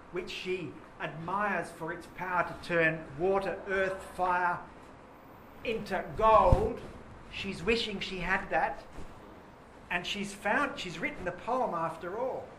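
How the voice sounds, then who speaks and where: A man's voice: high-pitched, unhurried, background noise. A male teacher leading a poetry lesson in a classroom, enthusiastic and full of praise for his students. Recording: roomy classroom echo.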